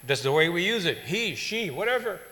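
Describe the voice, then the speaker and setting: A man's voice: high voice, sing-song, bright, forceful tone. A man preaching a sermon in short phrases, stopping for an interpreter and asking the listeners questions. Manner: pauses for the interpreter, asks the audience questions. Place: church hall. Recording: echoey hall.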